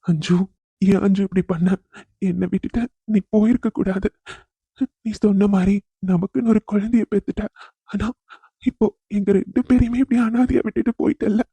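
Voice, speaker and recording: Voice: medium pitch, steady tone, normal speed, warm tone, husky, dry recording. Voicing a grieving young police husband. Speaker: widowed father. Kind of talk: cartoon voice acting.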